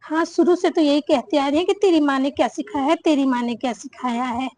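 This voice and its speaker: A woman acting an elder daughter-in-law who answers back her mother-in-law with sharp complaints in a family drama. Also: high voice, a little fast, slight background noise, lightly acted, low-quality recording. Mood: indignant. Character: elder daughter-in-law, married ten years, fed up.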